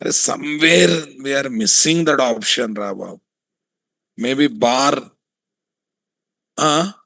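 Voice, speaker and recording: A man with a Telugu Indian accent giving a hands-on software tutorial, thinking aloud, repeating himself and often putting questions to his students. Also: mid-range voice, slow pace, gravelly, no echo. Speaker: software testing instructor.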